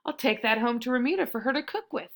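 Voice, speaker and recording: A woman's voice: a little high, lively intonation, fast. A woman doing a delighted working man. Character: cheerful working man coming home.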